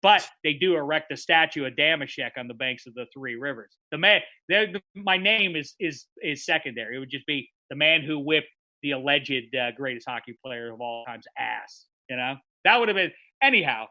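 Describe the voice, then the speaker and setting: A man co-hosting a podcast, telling an animated story and acting out the quotes. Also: moderate pace, no echo. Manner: acts out quotes with big pitch jumps. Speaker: podcast co-host.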